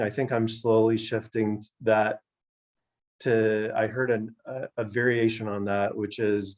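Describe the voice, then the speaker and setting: Being interviewed at an online book launch, this author and outdoor education director speaks in a low, darkish, reflective voice with a Canadian accent, offering thoughtful answers.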